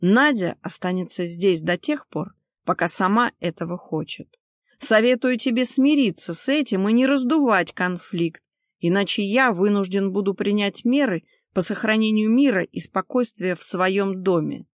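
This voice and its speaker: A woman's voice: mid-range voice, moderate pace, studio quality, natural voice. Female reader as a domineering husband, curt orders, firm and cold, no reverb. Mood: stern cold. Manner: clipped, sarcastic, commanding.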